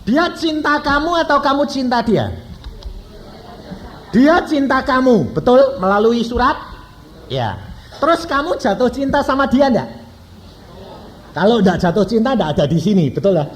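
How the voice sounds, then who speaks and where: Male evangelist with a high, animated voice, blunt and questioning the congregation. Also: moderate pace, long pauses, slight background noise, rough recording. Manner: blunt, peppers talk with rhetorical questions to the audience. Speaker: evangelist preacher. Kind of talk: sermon to a congregation.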